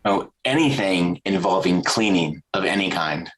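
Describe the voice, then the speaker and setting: Speaking at a moderate pace in a low voice, this podcast guest is a creative director from the American South. He tells stories animatedly in a laid-back interview, acting out quoted voices, on a low-quality recording.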